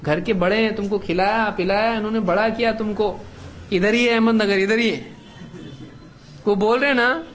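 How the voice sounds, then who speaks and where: A man's voice: sits high, a bit bright, slight background noise. A middle-aged man giving a religious lesson to a class, asking questions and answering them himself. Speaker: religious teacher. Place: classroom with students.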